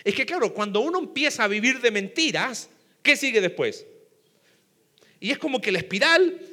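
A man's voice: high-pitched, pushed and bright. A man preaching a sermon to a congregation, talking conversationally and putting questions to the audience. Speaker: pastor. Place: church hall before a congregation. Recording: long hall reverb.

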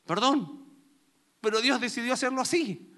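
A man's voice: very high-pitched, expressive, moderate pace, bright, forceful tone. A young man preaching a sermon in a conversational way, asking his listeners many questions. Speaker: pastor.

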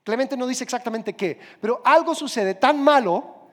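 A male preacher with a strikingly high voice tells a story in sermon style. He draws it out vividly and repeats phrases for weight. His voice rings with a long hall reverb. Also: moderate pace.

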